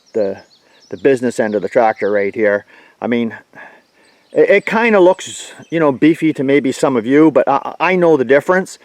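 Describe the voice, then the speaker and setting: A man's voice: medium pitch, a little mellow, dry recording. A man giving a blunt, folksy, plainspoken walkaround review of his tractor outdoors. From Canada.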